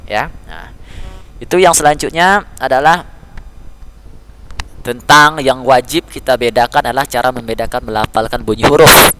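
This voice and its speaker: A man teaching tajweed, repeating letter sounds slowly and patiently, speaking as a father figure to his pupils. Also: medium pitch, bright, forceful tone, faint music behind. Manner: calls listeners "nak", speaks as a father figure. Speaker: Quran recitation teacher. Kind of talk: tajweed lesson.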